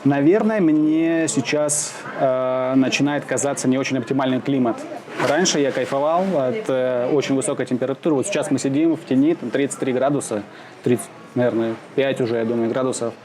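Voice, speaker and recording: A man from Siberia being interviewed outdoors in the shade, answering slowly with many pauses, fillers and restarts. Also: mid-range voice, fairly even intonation. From Russia (Siberia). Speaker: interviewee, expat businessman. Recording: outdoor crowd noise behind.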